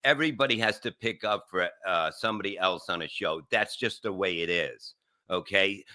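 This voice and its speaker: Bright-voiced stammering man ranting. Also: low-pitched. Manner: profane, halting, stammering rant. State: in pain. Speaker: comedian and show regular. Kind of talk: casual talk.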